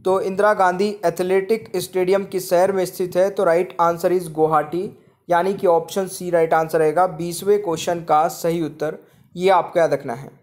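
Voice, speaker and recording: High-voiced man reading quiz answers. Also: flat delivery, moderate pace, darkish tone. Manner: repeats each question, addresses viewers as friends. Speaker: quiz teacher. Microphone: voice-over on screen slides.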